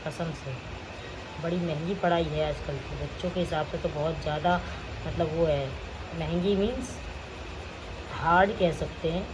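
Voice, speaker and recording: A woman in her thirties vlogging casually at home at night, chatty and rambling, her throat slightly hoarse. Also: sits low, fairly even intonation, normal speed, pauses often, background noise. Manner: chatty, rambling, addresses viewers as guys. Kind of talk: casual chat to camera.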